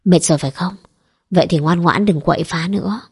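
A woman reading as a cold, domineering young husband in a spoken storybook, low-pitched and husky. He talks calmly and commandingly, every line pressing his will on his wife. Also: a little fast, heavily acted.

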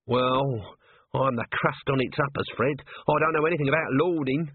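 A man's voice: mid-range voice, moderate pace, husky, dry recording, voice pushed up, close to an everyday voice. A man doing a whiny scruffy corporal. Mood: moaning. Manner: moaning, plaintive. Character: small scruffy male corporal, whiny and put-upon. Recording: tinny narrow-band, dry.

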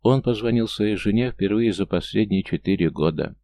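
Deep gravelly male audiobook narrator. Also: moderate pace, dark tone. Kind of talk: scripted narration of a thriller.

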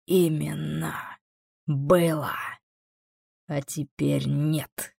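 A woman's voice: little pitch movement, gravelly, warm tone, breathy edge, dry recording, clean studio sound, full character voice. A woman voicing a cold mocking male demon. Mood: mocking calm. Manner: slow, low, unhurried and sardonic. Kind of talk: audiobook character voice.

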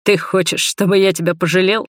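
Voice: mid-range voice, fairly even intonation, a little fast, dry recording, clean studio sound, lightly acted. A reader voicing a heartbroken young man who cries out in raw anguish in an audiobook. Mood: bitter. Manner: anguished shouting, then hushed.

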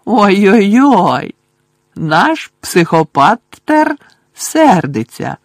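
A man voicing a mischievous male poltergeist who taunts in a mocking, drawn-out sing-song. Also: high-pitched, huge pitch swings, dry recording, studio quality, pitched above the performer's own voice, full character voice. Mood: taunting.

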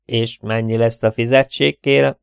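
A man's voice: mid-range voice, level tone, vocal fry, clear, resonant tone, dry recording, clean studio sound, close to an everyday voice. A man voicing a polite, grateful old farmer who speaks in a deferential way. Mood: humble.

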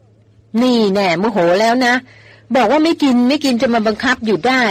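A woman reader voicing a proud, quick-tempered young noblewoman who snaps and sulks. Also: a little high, no echo, close to an everyday voice. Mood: angry. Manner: sulky, snapping, indignant. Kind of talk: audiobook character voice.

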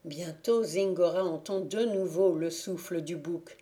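A woman reading a fairy tale aloud for an audiobook, telling it slowly and evenly. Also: fairly low pitch. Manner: slow, even storytelling. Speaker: audiobook reader.

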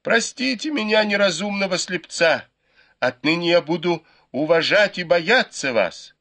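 A male reader voicing a cowardly, beaten young nobleman who whimpers and begs in shrill cries. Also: big pitch swings, unhurried, creaky, pushed and bright, full character voice. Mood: whimpering.

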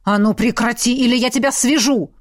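A woman's voice: a little high, fairly even intonation, fairly quick, natural voice. A woman voicing an angry young male mage who barks stern commands.

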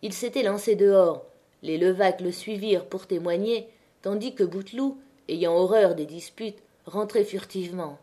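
A woman narrating a classic novel as an audiobook reader, with a measured, even delivery. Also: mid-range voice.

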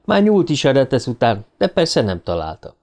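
A man narrating an audiobook in a dramatic, expressive reading style, voice rising as the tension builds. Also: medium pitch.

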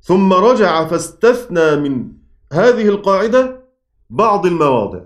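A man's voice: high-pitched, very animated, normal speed, echoey room. A man with an Egyptian Arabic accent, teaching a class on Quranic spelling, often repeating key words and asking the students questions. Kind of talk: classroom lesson.

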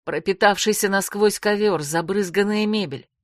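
A woman narrating a first-person fantasy audiobook with dramatic, expressive storytelling. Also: mid-range voice, normal speed, dry recording, studio quality.

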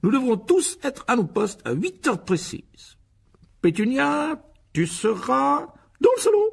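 A man's voice: extremely high pitch, very animated, a little slow, vocal fry, slightly rough, voice pushed up, full character voice. A man reading an audiobook and voicing a blustering, pompous middle-aged uncle with a raised, bossy voice. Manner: bossy, loud, self-satisfied.

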